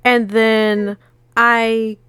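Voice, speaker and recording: A woman's voice: a little high, level tone, very slow, a bit bright, smooth, no echo, studio quality. A woman co-hosting a casual chat, telling a long story in a rambling way and acting out what people said. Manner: rambling, retells with quoted dialogue. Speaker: podcast co-host.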